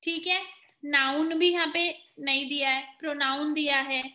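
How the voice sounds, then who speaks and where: Indian woman, teacher, very high voice, quizzing students, echoey room. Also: fairly even intonation, normal speed, sharp tone. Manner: explains in mixed Hindi and English, quizzing students. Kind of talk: online exam-prep grammar lesson.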